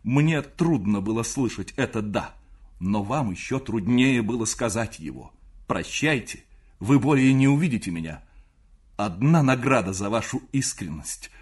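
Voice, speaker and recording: A man's voice: mid-range voice, expressive, unhurried, a little mellow, slightly rough. A man playing a desperate, pleading young suitor in an audiobook reading, speaking with raised passion. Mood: bitter.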